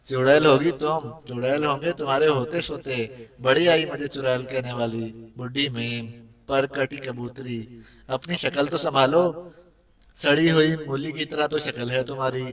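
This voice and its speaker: A man's voice: medium pitch, fairly even intonation, a bit bright, close to an everyday voice. A man voicing a quarrelsome young village woman hurling bickering insults, in an audiobook read from a distance.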